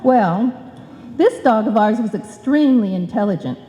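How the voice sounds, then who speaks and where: Woman playing Mrs. Carstairs, high-voiced haughty society matron. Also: animated, normal speed, dark tone, natural voice. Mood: lofty. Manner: formal, refined, airy. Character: genteel, haughty society matron in old-time radio comedy. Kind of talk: old-time radio comedy acting before a live audience. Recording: muffled, echoey live hall recording.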